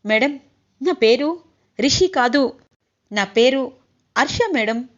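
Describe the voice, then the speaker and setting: A woman's voice: high-pitched, lively intonation, slow. Kind young auto driver, read by a woman. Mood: reassuring. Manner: reassuring, polite, calls her madam. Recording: slightly dull lo-fi audio.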